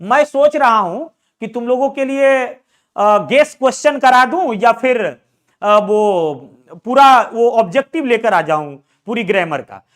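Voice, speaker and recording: A man's voice: very high voice, fairly bright tone. A young man teaching an English exam prep lesson. He keeps asking his students questions and then answering them himself.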